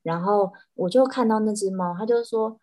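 A woman, an animal communicator chatting as a guest, telling stories in an animated way with frequent restarts. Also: mid-range voice, moderate pace. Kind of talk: casual chat.

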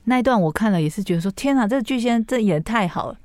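A woman's voice: on the high side, expressive, very fast, a little mellow, no echo, clean studio sound. A woman chatting on a podcast, retelling scenes at length. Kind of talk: casual podcast chat.

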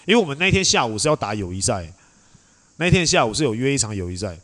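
A man's voice: mid-range voice, big pitch swings, quick pace, fairly bright tone. A young man with a Taiwanese Mandarin accent, hosting a podcast and telling a story in casual chat. He acts out quoted voices and laughs often. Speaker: podcast host.

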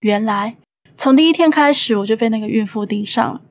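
Higher-pitched woman telling a ghost story. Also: a little fast. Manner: tense storytelling, acting out quoted lines. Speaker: podcast host and storyteller. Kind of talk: dramatic ghost story narration.

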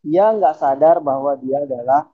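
A young man co-hosts a casual podcast chat, working through a theory step by step with plenty of fillers and restarts. His voice is fairly high and husky at a normal speed, on dull lo-fi podcast audio.

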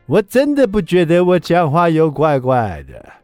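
A man's voice: a little high, huge pitch swings, darkish tone, no echo, faint music behind, pitched above the performer's own voice. A man putting on a goofy mock foreign accent in Mandarin, speaking in an exaggerated sing-song way. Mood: teasing, mock-innocent. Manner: exaggerated sing-song, stretched slow words.

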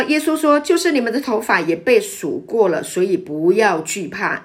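A middle-aged woman pastor, preaching a sermon in an emphatic way, with many "ah" fillers between phrases. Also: on the low side. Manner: warm, emphatic preaching with frequent filler sounds.

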